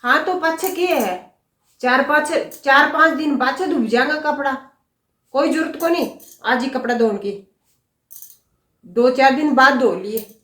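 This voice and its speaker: A woman's voice: high-pitched, unhurried, pauses often, fairly bright tone, reverberant. A woman playing a caring, fussing middle-aged mother-in-law. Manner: fussing, homely.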